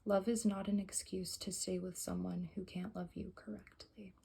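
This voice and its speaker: A woman whispering softly in an ASMR style, reading aloud and rambling with self-correcting asides. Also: mid-range voice, flat delivery, moderate pace, creaky. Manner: whispering and very soft-spoken. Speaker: ASMR creator. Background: faint music playing for plants, background hiss.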